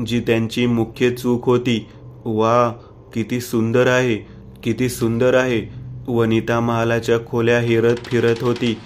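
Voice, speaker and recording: A man narrating a horror story in a steady, even reading style. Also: medium pitch, slight background noise.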